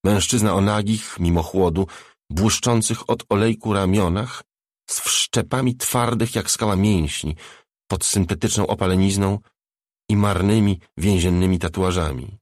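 A man reading a novel aloud as an audiobook narrator, in a measured, even storytelling delivery. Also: deep voice, no room sound, studio quality.

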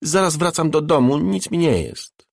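A man doing a frightened, breathy young woman. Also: on the high side, animated, moderate pace, dry recording, clean studio sound, voice pushed up. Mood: insisting. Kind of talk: audiobook reading.

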